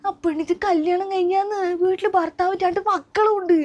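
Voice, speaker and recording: A woman's voice: very high-pitched, steady tone, brisk, darkish tone. A woman playing a practical middle-aged neighbour who urges and coaxes her friend, in a web series drama. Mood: urgent. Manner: urgent, coaxing and persuasive.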